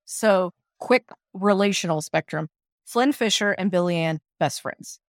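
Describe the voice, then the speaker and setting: Woman, co-host, casual TV recap, emphatic, lowish voice, dry. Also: a little slow, no echo. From American South. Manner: animated, emphatic, opinionated. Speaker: podcast co-host.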